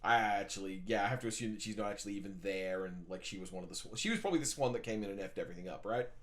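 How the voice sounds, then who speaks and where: A man's voice: lowish voice, racing, fairly bright tone. A man hosting a let's play, chatting casually, joking and thinking aloud as he plays. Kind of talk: casual gameplay chat.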